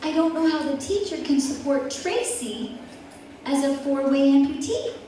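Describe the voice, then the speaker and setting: A woman's voice: high-pitched, expressive, warm tone, slight background noise. A woman voicing a flustered, apologetic school principal, a man, in her own voice. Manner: hurried, apologetic. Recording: echoey hall from far off.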